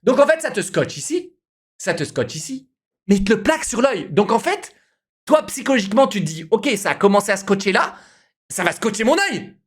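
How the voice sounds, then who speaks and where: A young man, a streamer telling a story casually to his live chat, animated and repetitive, often calling out to the viewers. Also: sits high, a little fast. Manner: animated, repeats himself, addresses viewers as guys.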